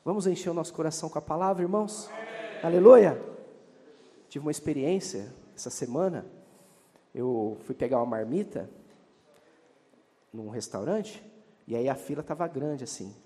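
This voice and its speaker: Brazilian preacher guy, high lively voice, swoops all over, fired up, church hall reverb. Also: normal speed, pauses often. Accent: Brazilian Portuguese. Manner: fervent, calls out to the congregation. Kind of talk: sermon with Bible reading.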